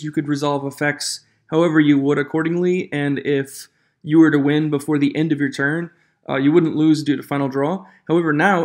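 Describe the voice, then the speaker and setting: Chatty man in an echoey room. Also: on the high side. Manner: chatty, reads rule text aloud, gets worked up. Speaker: channel host. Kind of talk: casual commentary reviewing game rule changes. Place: echoey room away from his usual studio. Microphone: a different microphone from usual.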